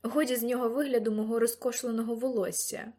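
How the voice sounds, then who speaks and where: A woman narrating an audiobook in an even storytelling manner. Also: a little high, quick pace. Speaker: audiobook reader. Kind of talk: scripted narration.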